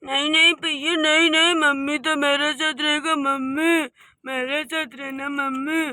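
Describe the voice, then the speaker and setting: A voice actor playing two grasping grown sons in a cartoon story, wheedling and pushy. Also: female voice, sits high, flat delivery, measured pace, sharp tone, no echo, clean studio sound. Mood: doting. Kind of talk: cartoon voice acting.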